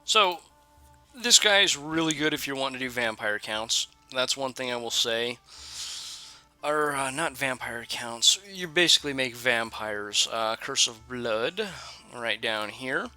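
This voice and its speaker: A young man talks through a strategy game in casual, rambling commentary, often stopping to correct himself. His voice is very bright and sits at a middling pitch. Soft music plays faintly underneath. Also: animated, unhurried. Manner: rambling, self-correcting, thinks aloud. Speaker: let's play host.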